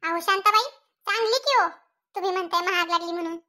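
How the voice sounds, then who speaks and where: High, bright cartoon wife, bossy and showing off, voiced by a performer. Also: quick pace, full character voice. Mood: sweet-talking. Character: boastful middle-aged village wife, showing off. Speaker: Kamalbai, housewife. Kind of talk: cartoon comedy dialogue.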